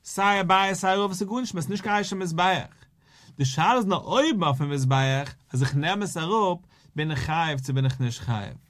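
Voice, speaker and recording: Rabbi in a sing-song Talmud lesson. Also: male voice, fairly high pitch, moderate pace, a bit bright. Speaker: rabbi teaching daily Talmud page.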